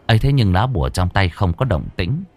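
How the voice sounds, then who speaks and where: Nam kể truyện ma, giọng trầm, lên xuống sinh động. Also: male voice, low voice, fairly quick. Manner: dramatic, lively storytelling. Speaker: storyteller. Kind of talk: scripted horror narration.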